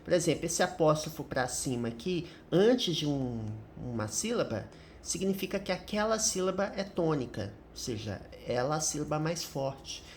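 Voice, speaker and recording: A woman's voice: low-pitched, big pitch swings, moderate pace, darkish tone, a little hiss or hum. A middle-aged woman with a Brazilian Portuguese accent teaching English through a commented reading, explaining each point and often ending with a tag question.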